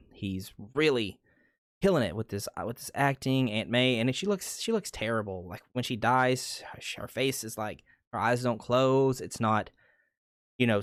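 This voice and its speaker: A young man giving a casual, rambling movie review, excitable and swearing freely. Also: on the low side, dry recording, studio quality. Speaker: channel host.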